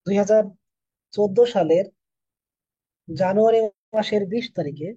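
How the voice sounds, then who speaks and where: A soft-spoken man in his thirties from Bangladesh, teaching an online English class for admission coaching. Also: high-pitched, normal speed, husky, dry recording, muffled recording.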